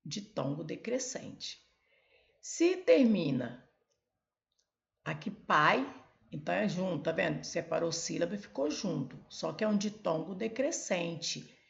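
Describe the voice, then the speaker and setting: Woman teacher walking thru grammar slowly, bouncy pitch, a bit gravelly, muffled lo-fi sound. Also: very animated. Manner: explains step by step, many "olha" and "ó" prompts. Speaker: Portuguese teacher. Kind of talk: whiteboard grammar lesson.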